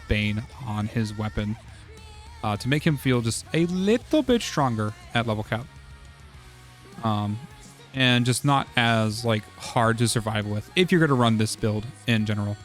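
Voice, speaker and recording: A man going hoarse late in a long stream, talking through game builds in a loose, rambling way. His pitch sits in the middle range, and his sentences trail off in fillers and restarts. Soft music plays faintly behind him. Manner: rambling, full of "uh" and "like". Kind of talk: casual game strategy talk.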